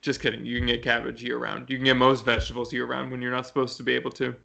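A man's voice: medium pitch, completely flat delivery, rapid-fire, vocal fry, pushed and bright. A man co-hosting a podcast, chatting informally and restarting mid-thought as he talks. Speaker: podcast co-host. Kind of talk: casual podcast chat.

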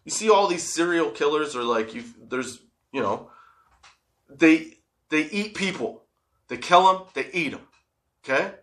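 A man's voice: on the high side, lively intonation, a little slow, long pauses, fairly bright tone. A man hosting a casual, comedic solo podcast, stoned and rambling, giggly, drawing out the odd word. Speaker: podcast host.

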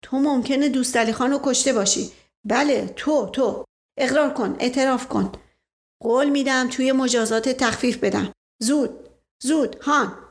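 Woman playing a pushy storybook police inspector, barking orders, impatient and suspicious, demanding answers fast, a bit higher voiced. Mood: accusing. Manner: barks orders and repeats "quick, quick".

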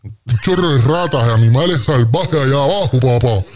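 A man's voice: medium pitch, normal speed, a little mellow, a little hiss or hum. A man with a Puerto Rican accent hosting a comedy radio bit, telling a boastful, exaggerated story full of sound effects.

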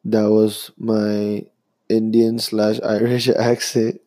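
A young man rambling through a profane, casual sports rant as a vlogger, jumping between fast bursts and drawn-out phrases. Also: lowish voice, completely flat delivery, dark tone, no echo.

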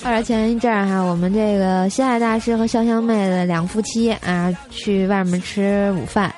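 A woman's voice: mid-range voice, fairly even intonation, normal speed, a little mellow, faint music behind. Giggly chatty young woman. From Tianjin, China. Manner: chatty, giggly, piles on filler words. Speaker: comedy radio host. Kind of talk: comic storytelling.

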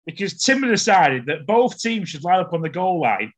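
A man with a notably high voice hosts a relaxed football podcast. He talks in a chatty, storytelling way and often repeats himself as he gets going. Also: normal speed. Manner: chatty storyteller, stammers when starting a story. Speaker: podcast host. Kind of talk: casual podcast chat.

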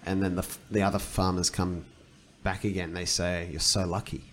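A man's voice: sits low, flat delivery, moderate pace, a little hiss or hum. A man co-hosting a podcast, thinking aloud and retelling stories in a loose, rambling way. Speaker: podcast co-host. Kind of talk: casual podcast chat.

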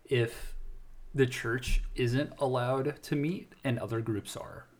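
A man co-hosting a casual podcast chat, giving measured, thoughtful answers. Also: medium pitch, steady tone. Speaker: podcast co-host.

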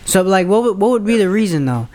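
A young man in his twenties co-hosting a casual podcast, his voice a touch high. He argues insistently and profanely. He keeps restarting his sentences to drive his point home. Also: expressive, fast, crowd noise. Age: 20s. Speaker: podcast co-host. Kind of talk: casual chat.

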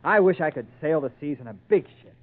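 Eager teen village boy man acting, high, lively pitch, polite and earnest, vintage radio drama. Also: brisk, natural voice. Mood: curious, eager. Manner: earnest, respectful, boyish. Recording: tinny, narrow-band old radio recording.

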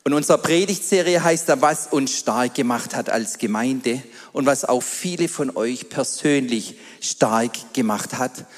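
A middle-aged man preaching a sermon, telling stories and calling the congregation "dear ones" in a lively way. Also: mid-range voice, unhurried, hardly any pauses. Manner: lively storytelling with quoted asides, addresses congregation as "ihr Lieben". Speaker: pastor. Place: church hall before a congregation. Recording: long hall reverb.

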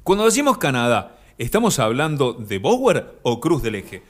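A man with an Argentine accent hosting a comic live stream, reading comments aloud with deadpan absurd humor and sudden high shouted voices. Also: normal speed. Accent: Argentine Spanish. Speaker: comic host of an Instagram live.

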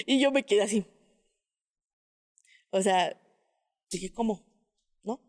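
A woman recounts a personal testimony in a casual storytelling style. She speaks hesitantly and often pauses to search for words. Her voice sits at a middle pitch, and a long reverb lingers behind it. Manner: hesitant, many filler pauses. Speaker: guest sharing a personal testimony.

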